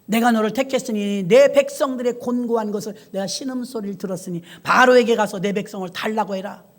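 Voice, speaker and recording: A woman preacher voicing God as a solemn, tender divine voice in sermon storytelling, speaking slowly and gravely. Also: mid-range voice, natural voice. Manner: slow, hushed, grave delivery.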